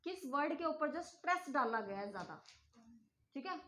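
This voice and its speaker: A woman's voice: sits high, lively intonation, normal speed, a bit bright. A woman teaching a class, lecturing and teasing and scolding her students as she explains.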